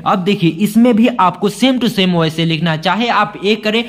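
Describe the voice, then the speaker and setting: A male teacher walking students through exam questions, calling them friends and saying "theek hai" often, reading verse lines slowly. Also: sits high, a bit bright. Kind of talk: exam-prep lesson walkthrough.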